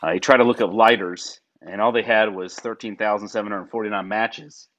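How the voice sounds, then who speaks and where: A man's voice: lowish voice, steady tone, fairly quick, fairly bright tone, slight background noise. Folksy Southern man hosting a podcast. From South Carolina. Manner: folksy, rambling, laughs at own jokes. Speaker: podcast host.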